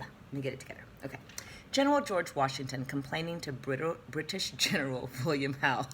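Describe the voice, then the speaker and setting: A woman's voice: extremely low pitch, a bit bright, slight background noise. A young woman teacher reading a novel aloud and chatting about it in a playful, easily distracted way, recorded at home on a webcam.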